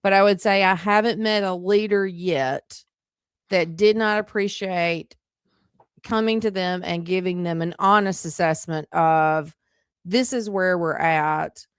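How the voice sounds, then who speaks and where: A woman's voice: on the low side, steady tone, a little slow, clear, resonant tone, dry recording, clean studio sound. A woman hosting a casual interview, chatty and peppered with fillers. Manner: chatty, with frequent "like" and "you know" fillers. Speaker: host.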